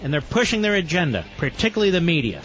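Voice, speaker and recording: A man's voice: sing-song, quick pace, a bit bright, highs cut off, soft background music. An American man, a talk radio host, delivering an emphatic infomercial-style read. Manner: emphatic sales pitch, repeating offers and phone number.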